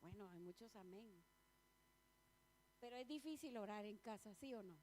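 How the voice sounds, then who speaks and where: A woman's voice: medium pitch, expressive, normal speed, a little mellow, slight background noise. A woman preaching a sermon in a church, chatty and personal, often asking the congregation questions and laughing between points.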